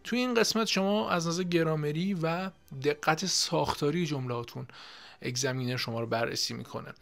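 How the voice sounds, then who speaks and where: A young man from Iran teaching an exam-prep lesson in a casual, explanatory way, often pausing with fillers. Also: fairly high pitch, creaky, fairly bright tone. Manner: explanatory, with frequent filler pauses. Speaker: IELTS teacher.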